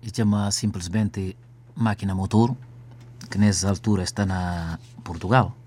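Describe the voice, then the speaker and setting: A man's voice: low-pitched, steady tone, a little slow, a little mellow, husky. A man talking earnestly on the radio in a rambling way.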